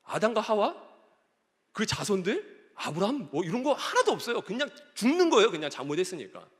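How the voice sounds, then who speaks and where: A man's voice: high-pitched, sing-song, brisk. A male pastor preaching a sermon in a church, reading scripture aloud and putting questions to the congregation. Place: church sanctuary. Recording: echoey church hall.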